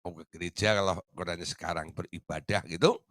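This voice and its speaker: A man's voice: low voice, fast, no room sound, studio quality. A man preaching a teaching sermon as a pastor, chuckling often and acting out people's reactions. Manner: lively, chuckles often, acts out quoted reactions. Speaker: pastor teaching a discipleship class.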